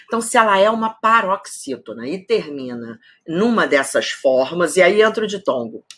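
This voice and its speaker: A woman teacher giving a recorded online grammar lesson, spelling out rules slowly and checking in with her students. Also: deep voice. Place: studio.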